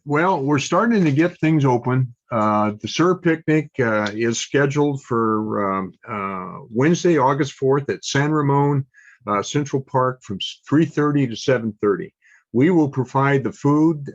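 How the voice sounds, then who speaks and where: An older man leads a club meeting and reads out the news and dates in an average-pitched voice, full of ums and uhs. The sound is a little dull and lo-fi. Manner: halting, many ums and uhs. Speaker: meeting host.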